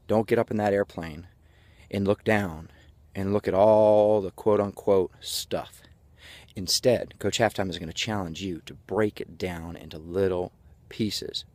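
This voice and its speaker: Low-pitched man giving a breathless pep speech. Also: darkish tone, no echo. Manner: breathless from exertion while walking; folksy, jokey self-narration in the third person. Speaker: motivational coach. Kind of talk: halftime pep speech to camera.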